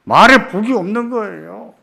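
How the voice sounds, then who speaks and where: A man preaching a sermon at a church prayer meeting, putting rhetorical questions to the congregation and repeating key phrases with emphasis, swinging between loud and soft. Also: high-pitched, normal speed, vocal fry, breathy edge. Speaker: pastor.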